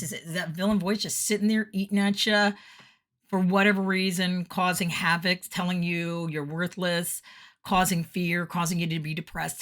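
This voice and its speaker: A woman's voice: fairly low pitch, fairly bright tone. A middle-aged woman and motivational speaker, giving an upbeat, earnest, encouraging video message.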